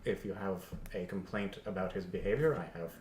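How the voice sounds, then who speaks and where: Woman player, very deep formal voice, roomy echo, faint hiss. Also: fairly quick, a little mellow. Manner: formal, bureaucratic in character. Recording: echoey room.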